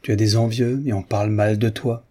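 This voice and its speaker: Sly peasant woman, falsely humble, quiet and low; a man voicing her. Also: little pitch movement, fairly quick. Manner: quiet, smooth, insinuating. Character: sly calm peasant woman, feigning humility.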